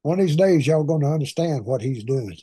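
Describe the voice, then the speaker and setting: Male preacher, Arkansas drawl, folksy and joking, husky mellow voice, fairly high for a man, dry sound. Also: lively intonation, brisk, dry recording. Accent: Arkansas Southern US. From Arkansas, southern United States. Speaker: preacher leading a prayer meeting. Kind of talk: folksy informal talk to a congregation.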